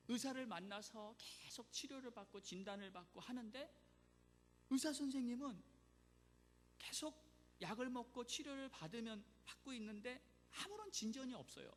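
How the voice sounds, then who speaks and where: A man preaching a sermon as pastor, telling a story with animated emphasis in a church sanctuary. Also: sits high. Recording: church hall reverb, faint noise.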